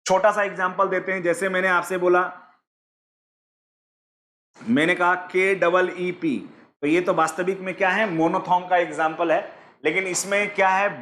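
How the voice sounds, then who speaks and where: High-voiced male online teacher, roomy. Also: fairly bright tone. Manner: explains step by step, asks the class questions; mixes English terms into his teaching. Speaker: online exam-prep teacher. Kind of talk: live online class.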